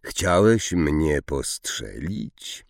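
A man doing a melancholy centaur with a deep, gravelly voice. He speaks slowly and solemnly, every phrase drawn out and mournful. The sound is dry and close. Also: very animated, no room sound, full character voice.

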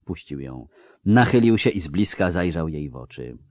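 A man narrating an audiobook with expressive, varied delivery. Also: rumbling low, moderate pace, no room sound, dull audio. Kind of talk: scripted narration.

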